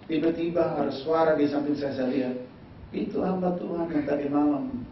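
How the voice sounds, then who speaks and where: Man preaching, high-pitched, animated storytelling, echoey hall, faint noise. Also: normal speed. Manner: animated storytelling, mixing Indonesian and English, acting out voices. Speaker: pastor. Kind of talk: sermon. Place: church hall. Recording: echoey church hall, mic far off, dull sound.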